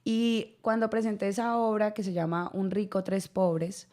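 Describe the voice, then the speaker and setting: In a radio studio, a Colombian woman in her thirties, an actress guest with a Colombian accent, recounts her story in a warm, mid-range voice. Her delivery is flat and at normal speed, broken by frequent laughter and repeated words.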